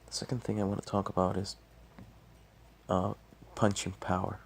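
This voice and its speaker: A man talking casually on his own in a quiet, subdued late-night manner, explaining technique and halting often mid-phrase. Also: sits low, monotone, creaky, slight background noise. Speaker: martial arts vlogger. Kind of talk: casual solo talk explaining fighting technique.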